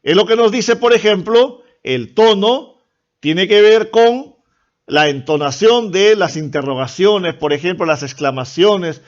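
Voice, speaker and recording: A Peruvian man teaching a lecture-style class with a voice that sits a little high. He explains step by step and keeps checking with "¿no?". The recording sounds dull and lo-fi. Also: lively intonation, unhurried. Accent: Peruvian Spanish. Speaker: language teacher.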